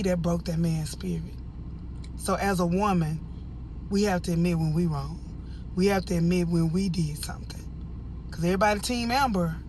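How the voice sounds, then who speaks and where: An American woman giving casual, opinionated video commentary in an animated, emphatic way, drifting into rambling asides. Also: fairly low pitch, slight background noise. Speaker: online reviewer and host.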